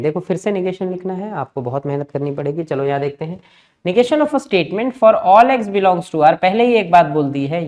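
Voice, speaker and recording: A man's voice: high voice, a little mellow. A male maths teacher teaching an exam-prep lesson. He explains step by step, often calls the students "kids" and mixes English terms into his speech.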